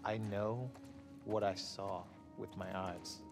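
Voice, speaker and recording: A man playing a joking, excitable young man in video game dialogue. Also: lowish voice, slow, vocal fry, over music. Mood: amazed, teasing. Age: young adult. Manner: joking, boyish, teasing. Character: playful, excitable young man, a soldier exploring ruins.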